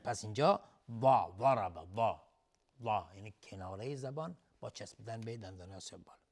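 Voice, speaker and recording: A man teaching Quran recitation on a television lesson. He explains the pronunciation rules briskly, chants the verses slowly and melodically, and repeats single sounds again and again as a drill. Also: on the low side, lively intonation, creaky. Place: TV studio.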